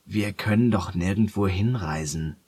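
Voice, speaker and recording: A man's voice: deep voice, moderate pace, husky, dry recording. A man doing a shy, sad little boy. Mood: doubtful. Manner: quiet, hesitant and doubtful. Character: shy, sad young boy who feels small.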